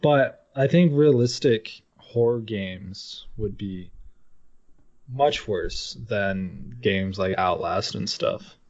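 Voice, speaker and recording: A man's lowish, darkish voice moves slowly through a relaxed gaming chat on a podcast he co-hosts. He's casual and swears freely, and the recording is dull and lo-fi.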